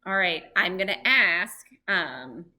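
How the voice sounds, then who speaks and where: A woman presenting a live, lively lesson for families, chatting and asking her audience questions. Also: on the low side, slow pace. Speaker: library program presenter on birds.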